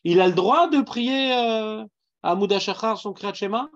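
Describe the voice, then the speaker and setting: A man's voice: high voice, moderate pace, dull audio. A man with a Parisian accent teaching a Talmud class, putting questions to his students and mixing in Hebrew terms. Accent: Parisian French.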